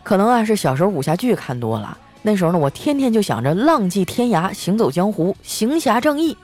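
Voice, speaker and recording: Young woman doing a funny chatty monologue, super expressive voice. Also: medium pitch, brisk, soft background music. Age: young adult. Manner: animated, self-mocking, chatty. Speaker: host. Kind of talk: comic storytelling monologue with ad reads.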